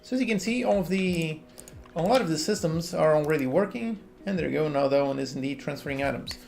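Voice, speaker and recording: Quiet lofi music plays beneath this casual livestream, where a Portuguese-accented man in his thirties works on a game at home and frankly answers viewer questions he reads out loud. He's relaxed, speaking quickly in a fairly high, creaky voice from his indoor home office.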